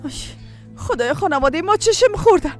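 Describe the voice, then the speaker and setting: Casting: a woman as an anxious pious mother, Tajik accent, higher voice, sighing, for a dubbed series. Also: animated, faint music behind. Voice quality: fretful and pleading, with many sighs. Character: worried middle-aged mother, pious, protective of her children. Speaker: mother and wife in a family drama. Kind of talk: dubbed television drama.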